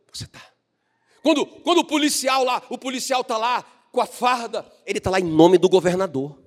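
A Brazilian man preaching a fervent, emphatic sermon as a pastor, often asking the congregation if they understand. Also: sits high. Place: church hall. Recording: echoey hall reverb.

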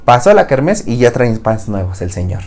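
A man's voice: medium pitch, sing-song, fairly quick, a little mellow, faint music behind. A young man with a Mexican Spanish accent hosting a podcast, telling rambling comic stories in slang and laughing at his own jokes. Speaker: podcast host. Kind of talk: casual comedic monologue.

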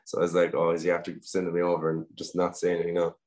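A young Irish man tells a story for an interview in a deep, very flat voice. He talks quickly and relaxed, leaning on "um" pauses as he recalls events. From Ireland. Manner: relaxed, anecdotal, frequent "um" pauses. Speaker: guest footballer.

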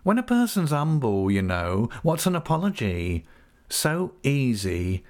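A man reading a storybook voicing a sly, fawning young male clerk in a croaking, wheedling whisper. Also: medium pitch, big pitch swings, a little slow, voice pushed up.

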